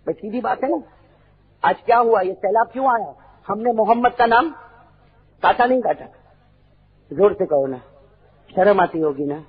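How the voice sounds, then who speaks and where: A male preacher with a Pakistani Urdu accent giving a fiery sermon, crying out loudly and then dropping to hushed asides, calling on the crowd to answer. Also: high voice, animated, long pauses, breathy edge. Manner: impassioned, swings from loud cries to hushed asides, calls for crowd response. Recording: dull lo-fi recording.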